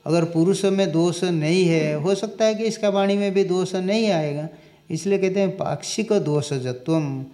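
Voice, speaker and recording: A man giving a scripture lecture, reciting Sanskrit lines slowly and explaining them, asking questions and answering them himself. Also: sits high, warm tone. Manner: slow and deliberate, recites Sanskrit and explains it in Hindi. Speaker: Vedanta teacher.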